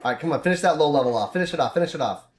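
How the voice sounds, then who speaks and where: A man's voice: fairly high pitch, lively intonation, very fast, roomy sound, a little hiss or hum. A man casually chatting while streaming a game, rambling and laughing often as he plays.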